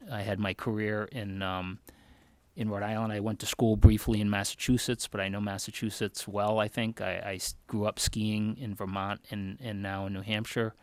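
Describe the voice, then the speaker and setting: A man from Connecticut answering interview questions in an earnest, measured way as a job candidate. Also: fairly low pitch, little pitch movement, clean tone, dry recording. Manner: earnest, measured, thinks aloud. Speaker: job candidate for town manager.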